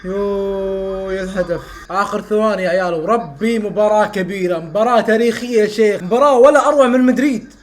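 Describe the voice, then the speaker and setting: A young man reacting live to a football match, exclaiming and repeating phrases, shouting at goals. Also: sits high, fairly even intonation, fast talker, hardly any pauses. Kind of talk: excited live reaction commentary.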